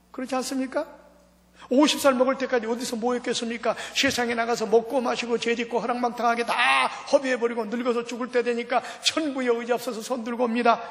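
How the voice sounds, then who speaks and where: A man preaching a revival sermon, talking fast and firing rhetorical questions at the congregation. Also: extremely high pitch, fairly bright tone. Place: large church hall. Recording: long reverb of a large church hall.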